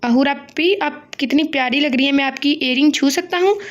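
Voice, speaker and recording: A woman's voice: high-pitched, fairly quick, natural voice. A woman reading as a clingy, sulky little boy. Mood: pleading. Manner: whiny, pleading.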